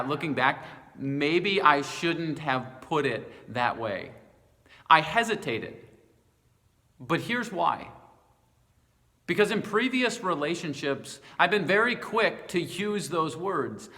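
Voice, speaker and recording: A middle-aged man leads a short devotional in a slow, unhurried way. His voice is bright and fairly high for a man, earnest and personal, with a touch of self-deprecating humor. A long reverb trails behind him, as in a church sanctuary. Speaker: pastor. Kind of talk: short devotional talk to viewers. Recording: long reverb from a large room.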